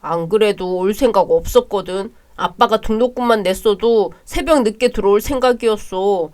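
A sulky young student talks back in curt, sarcastic lines in a radio drama, voiced by a woman. His pitch sits in a plain middle range. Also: normal speed, a little mellow, natural voice. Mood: sullen. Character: sullen, sarcastic young male college student.

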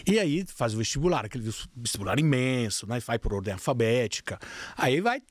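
A man's voice: mid-range voice, brisk, dry recording. A man in his fifties from Italy with an Italian accent, chatting as an interview guest and acting out the voices of people in his stories. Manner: animated storyteller acting out quoted voices. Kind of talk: casual interview chat.

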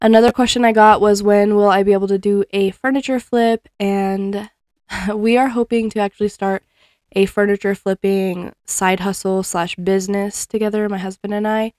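This cleaning vlogger, a young woman, chats in a friendly, rambling way while she folds laundry at home in the living room, laughing often and saying "um" a lot. Her middle-pitched, darkish voice keeps fairly even intonation at a moderate pace. A fixed camera across the room captures a dry recording with almost no room sound.

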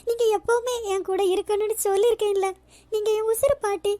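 A woman voicing a gentle young woman in a cartoon, devoted to her grandmother, soft and earnest. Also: extremely high pitch, fairly even intonation, a little fast. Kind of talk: cartoon voice acting.

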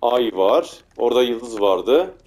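A man casually commenting on his own gameplay, muttering to himself and getting frantic and loud when chased. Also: mid-range voice, expressive, takes it slowly. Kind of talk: casual let's play commentary.

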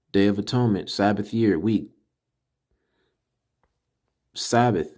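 Cali guy teaching hebrew pronunciation, low voice, real slow, keeps repeating syllables. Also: darkish tone. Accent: Californian. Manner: emphatic, repeats syllables slowly and drills them. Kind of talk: spoken language lesson.

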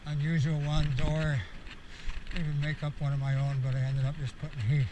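A vlogger of about sixty, speaking at a moderate pace in a level voice on the high side, offers a candid, wandering, introspective monologue as he cycles a rural road. The audio comes from an action camera on the bike or rider and carries wind and road noise.

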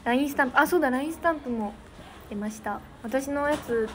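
This teenage girl from Niigata, Japan, is an idol running a laid-back livestream where she chats and thanks viewers for commenting. She speaks fast in a high voice, and the audio is noisy.

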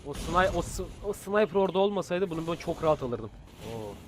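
A young man giving excitable, casual commentary on his own gameplay, muttering one moment and shouting the next. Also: on the high side, fairly quick, noisy background. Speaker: gameplay video host.

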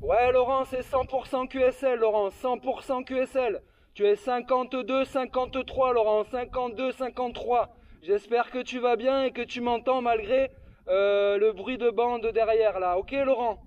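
High-voiced man over a walkie-talkie. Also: steady tone, moderate pace, darkish tone. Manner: repeats the other operator's name and "QSL" often. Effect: heard over a handheld walkie-talkie radio link. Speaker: amateur radio operator. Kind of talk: ham radio exchange with call signs and signal reports. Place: outdoors on a hilltop. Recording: faint, distant, lo-fi radio transmission.

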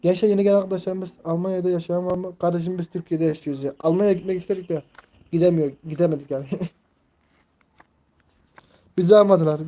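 A young man in his twenties hosts a casual live stream in a mellow, soft-edged, high-pitched voice with fairly even intonation. He talks fast but pauses often, rambling, leaning on fillers and reading the chat aloud.

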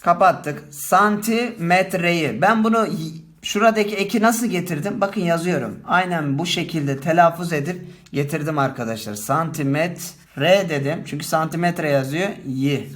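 A male teacher giving a spelling lesson, talking straight to his students and stretching key words slowly for emphasis. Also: a little high. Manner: addresses viewers directly, lively teacherly tone.

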